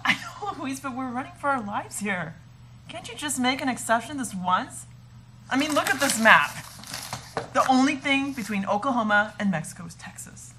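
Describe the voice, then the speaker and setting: A woman's voice: high-pitched, animated, moderate pace, fairly bright tone. A woman in an acting class scene, playing a practical, exasperated woman fugitive in a conversational, pleading manner. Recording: noisy room recording.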